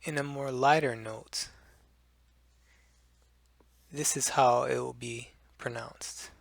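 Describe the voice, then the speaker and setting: A man teaching English pronunciation, explaining slowly and deliberately with many fillers. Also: medium pitch, steady tone, gravelly, dry recording. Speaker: language teacher.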